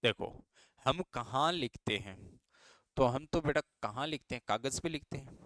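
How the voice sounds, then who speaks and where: A man's voice: medium pitch, normal speed, a bit bright, dry recording, studio quality. A man teaching a reasoning lesson for exam students, patient and repeating each step as questions to his students.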